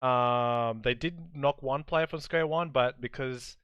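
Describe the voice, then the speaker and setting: A man with a bright, smooth, clear voice co-casts an esports tournament, explaining results with many ums and restarts. His voice is starting to wear out, and the sound is dry and close. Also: medium pitch, no echo, muffled recording. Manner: halting, full of ums and restarts. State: losing his voice. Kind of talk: casual esports commentary.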